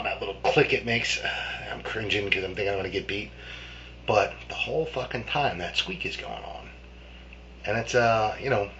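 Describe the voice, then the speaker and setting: A man's voice: low-pitched, sharp tone. A man casually telling a childhood ghost story in a rambling, profane way, full of restarts and fillers. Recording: dull lo-fi with faint hum.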